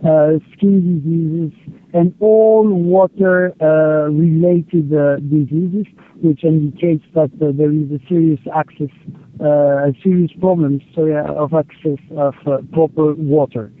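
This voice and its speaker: A man working as an aid field coordinator, answering interview questions over a distorted satellite phone line, hesitant with many pauses and filler sounds. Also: a little high, fairly even intonation.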